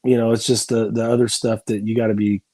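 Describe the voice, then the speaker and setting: A man's voice: lowish voice, flat delivery, fast talker, a little mellow, no echo. Rambling, frank man who coaches football. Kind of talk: casual reunion chat.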